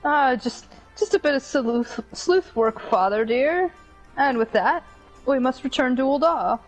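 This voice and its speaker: A woman reads as an earnest gentleman detective in a game. The delivery is pompous and melodramatic, slow and formal, with music faintly behind. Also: high-pitched, lively intonation, poor audio.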